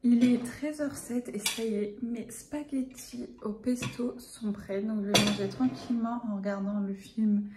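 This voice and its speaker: A young woman from the Paris area, a student vlogging her week in a casual, rambling way, pausing often with fillers. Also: fairly high pitch, fairly even intonation, echoey room, loud music behind the voice, rough recording. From Paris area, France. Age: young adult. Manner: chatty, rambling, hesitant with frequent fillers. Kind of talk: casual vlog narration.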